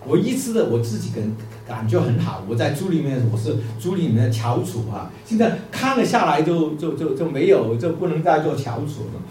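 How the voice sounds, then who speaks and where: A man's voice: on the high side, lively intonation, a little fast, few pauses, darkish tone, lightly acted. A man voicing a proud bamboo stalk that pleads and stammers as it is pruned, in a sermon parable. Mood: pleading. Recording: echoey room, distant mic, faint music.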